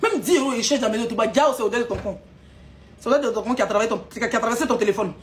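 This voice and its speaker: Woman, high pitch, scolding live-stream rant with mocking laughter. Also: racing, slight background noise.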